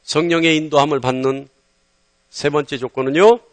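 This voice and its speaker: A man with a high voice preaches a sermon with fervent emphasis, stacking one rhetorical question on another. He swings between ringing loud lines and hushed ones, and the sound is dry and close with little room echo. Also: steady tone, normal speed. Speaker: pastor.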